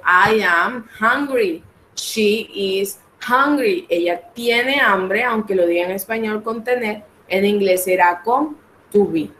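A Colombian woman with a Colombian Spanish accent, teaching an English class online and slowly modeling each English phrase. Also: mid-range voice, a bit bright, echoey room, a little hiss or hum, rough recording.

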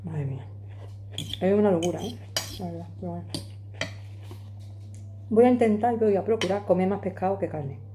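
Filmed on a phone camera sitting on the table, this woman from Madrid, Spain, in her forties, chats casually while eating in her home kitchen. She's emphatic and gestures with her hands, speaking at normal speed in a mellow, medium-pitched voice with frequent pauses and a little hiss or hum.

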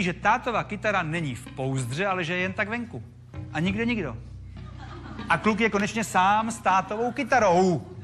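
A man gives an animated, jokey talk to an audience, and his voice swoops up and down as he tells his stories. He speaks a little higher than most men. Music plays clearly in the background. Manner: animated, jokey, acts out the characters. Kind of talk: lively storytelling talk to a live audience. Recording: music playing behind.

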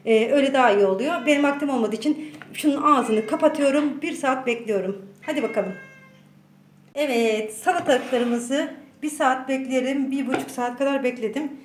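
A woman's voice: high voice, moderate pace. A woman hosting a casual home cooking tutorial, chatting to her viewers as friends while she works. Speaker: cooking channel host. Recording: roomy echo, faint background noise.

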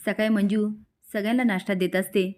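A woman's voice: medium pitch, fairly even intonation, brisk. Woman narrating a serial recap. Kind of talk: storytelling recap.

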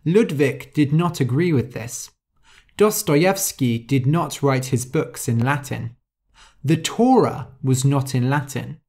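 A podcast host reads a simple story for English learners very slowly and clearly, pausing after each phrase. Her or his voice is middle-pitched, careful and somewhat dark in tone. New words are explained, and some are spelled out letter by letter.

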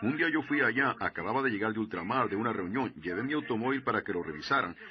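A man's voice: lowish voice, lively intonation, quick pace, a crowd in the background. A man preaching a sermon, telling a story and asking the congregation questions. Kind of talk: sermon, Spanish voicing of a translated sermon. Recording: dull lo-fi sermon recording.

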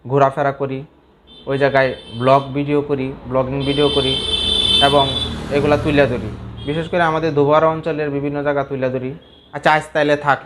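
Man, Mymensingh Bengali dialect, flat delivery, rambling with fillers, casual vlog talk. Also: medium pitch, slight background noise. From Mymensingh region, Bangladesh. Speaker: vlogger.

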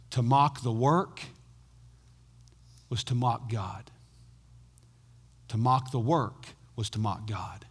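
A middle-aged pastor, preaching a sermon that swings between loud emphatic bursts and hushed, intense asides. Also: male voice, medium pitch, long reverb tail.

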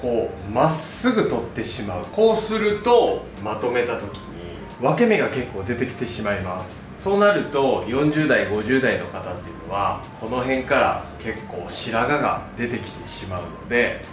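This hairdresser in his thirties speaks at a normal speed with a medium pitch, very animated and with hardly any pauses. He gives an upbeat, friendly, step-by-step hair tutorial to camera. The mic is distant, the room echoes, and music plays in the background.

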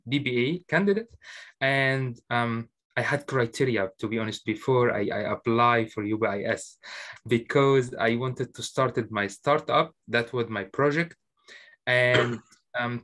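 Halting man on a video call. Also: medium pitch, a bit bright. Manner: halting, many restarts, apologetic. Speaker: doctoral student and startup founder. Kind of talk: online roundtable self-introduction.

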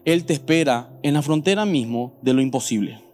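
A man with a Paraguayan Spanish accent preaching a sermon as pastor at a church service, animated and questioning the congregation directly. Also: medium pitch, fairly quick.

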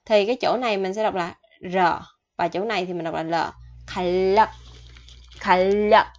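A woman teaching a vocabulary lesson, repeating each word slowly and then explaining it in a chatty way. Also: mid-range voice. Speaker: Korean language teacher. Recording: dull lo-fi recording.

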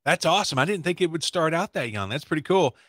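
A man's voice: fairly high pitch, expressive, fast, a bit bright, no echo. A man in his forties hosting a casual sports interview in an upbeat, emphatic way, close on the microphone. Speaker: sports show host, interviewer. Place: indoors, streaming setup.

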